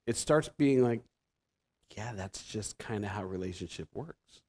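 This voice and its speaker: A man in his fifties with a Pacific Northwest American accent gives a conversational sermon as a guest preacher in a church sanctuary. His fairly low, darkish voice moves with lively intonation at a slightly slow pace. He pokes fun at himself and often restarts his sentences.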